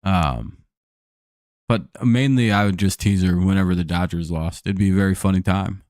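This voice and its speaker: A man with a low, somewhat mellow voice hosts a live stream, speaking at normal speed in a dry, clean studio recording. He calls baseball plays casually, cracks jokes, and talks with viewers between plays, sounding relaxed though a little hoarse from talking all day.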